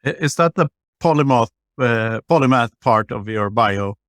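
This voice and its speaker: A man hosting a podcast, chatty and quick to laugh, with many fillers and restarts. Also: medium pitch, expressive, fairly bright tone, no echo. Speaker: podcast host. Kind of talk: casual chat.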